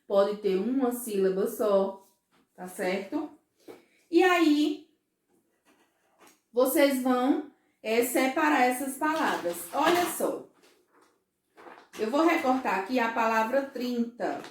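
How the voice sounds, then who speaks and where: A Brazilian woman teaching young children, with a fairly high voice and a very slow, patient delivery. She keeps checking that the class follows along. The recording is echoey, as if made in a bare room. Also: lively intonation. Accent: Brazilian Portuguese. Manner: slow, patient, asks children "certo?" and "ó" often. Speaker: first-grade teacher.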